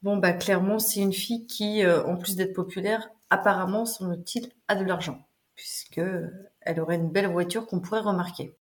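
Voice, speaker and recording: A woman's voice: medium pitch, fairly even intonation, moderate pace. Woman co-host, casual and playful, chatty delivery. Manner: chatty and playful, translating lyrics with asides. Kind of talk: casual chat about song lyrics.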